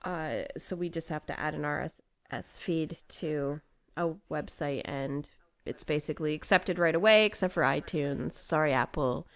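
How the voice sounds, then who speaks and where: Chatty woman with a lowish voice. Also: normal speed. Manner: chatty, laughs often. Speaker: podcast co-host. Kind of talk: casual chat.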